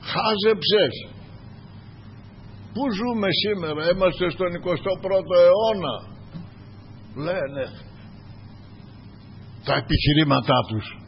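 An older man preaching a sermon, swinging from loud exhortation to softly murmured praise asides. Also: sits high, pauses often, muffled recording, a little hiss or hum.

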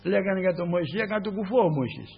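A man's voice: sits high, expressive, vocal fry, slightly rough. A man preaching an informal sermon, fervent and repetitive, often calling on his brothers, in a lo-fi recording with hum.

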